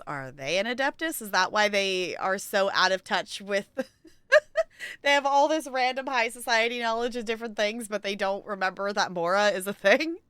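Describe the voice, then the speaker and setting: A woman's voice: a little high, fairly bright tone, clean tone, dry recording. A woman streaming a game with casual, chatty commentary, giggly and thinking aloud.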